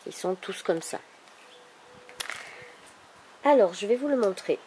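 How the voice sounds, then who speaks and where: A woman with a thick, swollen-tonsils sore-throat voice, speaking softly and casually as she presents a craft project. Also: medium pitch, animated, slow pace. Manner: soft-spoken, holding back volume. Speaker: craft video maker presenting an album. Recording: clearly noisy background ambience.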